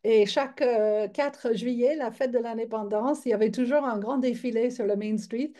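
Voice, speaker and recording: A woman in her fifties from Michigan, a yoga teacher giving an online lecture in a chatty, halting way with many fillers and restarts. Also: fairly high pitch, mellow. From Michigan, United States. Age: 50s.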